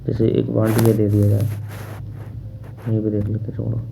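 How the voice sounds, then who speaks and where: A man's voice: on the low side, completely flat delivery, moderate pace, vocal fry, background noise. A man teaching a math class online, asking questions and answering them himself in a repetitive drilling manner.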